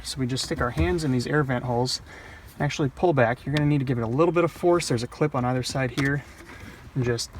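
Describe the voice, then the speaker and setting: There's slight background noise as a man with a medium-pitched voice demonstrates an installation on a car dashboard. He presents the casual, hands-on tutorial in a plain-spoken way, covering each step.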